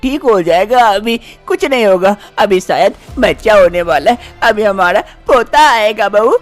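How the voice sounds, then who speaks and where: A woman's voice: medium pitch, expressive, measured pace, soft background music, natural voice. A woman voicing a scheming older mother-in-law who insists on a grandson, scolding and repeating herself. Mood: flustered.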